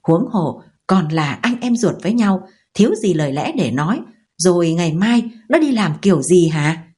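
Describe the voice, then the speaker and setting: A woman doing a sharp-tongued scolding mother-in-law. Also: expressive, breathy edge. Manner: scolding, quick and shrill.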